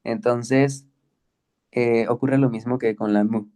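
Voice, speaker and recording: A man teaching the Greek alphabet in an online class, patient and slow, often checking with "¿ok?". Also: mid-range voice, fairly even intonation, warm tone. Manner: patient, explains slowly with many checks like "¿ok?" and "¿sí?".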